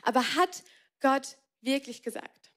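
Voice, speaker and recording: A woman voicing a sly serpent who tempts with slow, repeated needling questions. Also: high-pitched, animated, a bit bright. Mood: insinuating.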